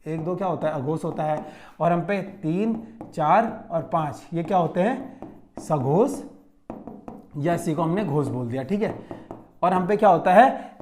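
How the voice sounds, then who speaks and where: A man's voice: sits high, darkish tone, a little hiss or hum. A man teaching a grammar lesson for an exam, who repeats key terms and keeps checking in with his students. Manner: repetitive, checks with frequent "theek hai", stretches key terms slowly. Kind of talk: Hindi grammar lesson solving a mock test.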